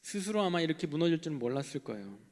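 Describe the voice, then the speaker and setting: A young man preaching a sermon in an animated way, swinging between loud outbursts and hushed asides. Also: fairly high pitch, racing. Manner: animated, acting out quoted voices, shifting between loud and hushed. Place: church hall. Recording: long hall reverb.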